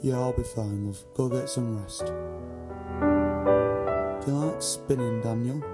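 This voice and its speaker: A man playing a young father who talks softly to his wife about their newborn, heard on an old archive recording played back. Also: medium pitch, unhurried. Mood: gentle. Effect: old home recording played back from an archive. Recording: distant old archive recording with loud music.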